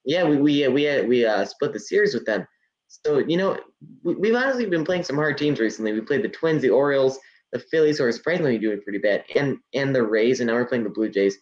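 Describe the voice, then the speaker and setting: A man's voice: mid-range voice, lively intonation, fairly quick, a little mellow. Teasing teen boy, echoey lo-fi mic. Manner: teasing, listing with many uhs. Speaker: podcast co-host. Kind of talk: casual chat.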